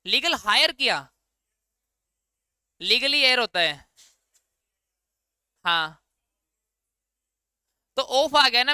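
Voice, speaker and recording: A man teaching a class in a very bright, crisp, clear voice. He fires questions at his students and answers them himself, in a casual lecture style. The sound is dry and close, with no room echo. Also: extremely high pitch. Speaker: English grammar teacher.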